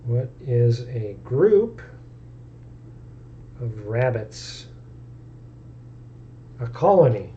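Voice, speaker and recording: A man's voice: mid-range voice, very animated, very slow, pauses often, mellow, muffled recording, slight background noise. A man streaming about tabletop games, talking casually and thinking aloud in an easygoing way. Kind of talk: casual live-stream talk.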